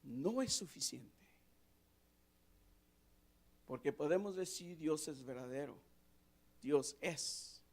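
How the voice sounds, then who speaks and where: A man preaching in a church. He repeats key phrases for emphasis and swings between soft asides and loud, passionate peaks, then leads a closing prayer. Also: medium pitch. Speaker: pastor. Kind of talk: Spanish-language sermon and closing prayer. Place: church sanctuary.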